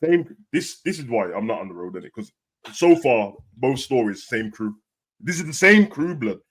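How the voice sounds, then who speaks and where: A man's voice: mid-range voice, normal speed, breathy edge. A young man with a British urban street accent and roadman slang, telling stories casually and acting out what people said. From Birmingham, England. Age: young adult. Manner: roadman slang, animated retelling with quoted dialogue.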